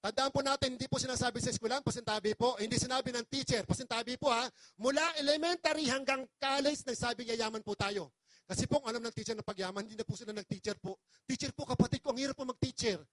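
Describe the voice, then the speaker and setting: A man's voice: extremely high pitch, quick pace, fairly bright tone, no echo. A man from the Philippines giving an impassioned, pleading testimonial to an audience as a business presenter, very polite and emotional.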